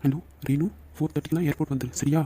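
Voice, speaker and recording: A woman voicing a brisk, friendly man in a cartoon, in a lowered, mellow put-on male voice. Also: steady tone, very noisy, lightly acted.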